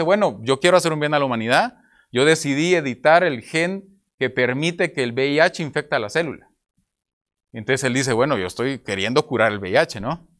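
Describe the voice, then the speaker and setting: A man's voice: on the high side, fairly bright tone. A young man from Guatemala with a Guatemalan Spanish accent, presenting at an academic conference panel in an explanatory way, asking rhetorical questions, speaking into a table microphone. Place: conference room with projector slides.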